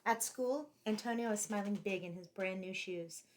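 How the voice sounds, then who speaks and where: Like a teacher, a woman reads a picture book aloud to children, phrasing each line deliberately and expressively. Her voice is mid-range, with a little hiss or hum in the background.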